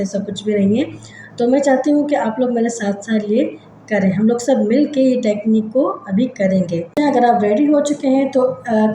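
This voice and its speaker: Woman talking u thru a body scan meditation, soft mellow voice a bit high, lots of room echo. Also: a little hiss or hum. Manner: gentle, repetitive step-by-step guiding. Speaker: psychology channel host.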